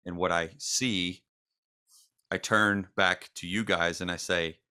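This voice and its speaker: A man in a casual podcast chat, telling an old story in a measured, dry way and poking fun at himself. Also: low voice, fairly even intonation, bright, forceful tone, clear, resonant tone. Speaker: podcast co-host.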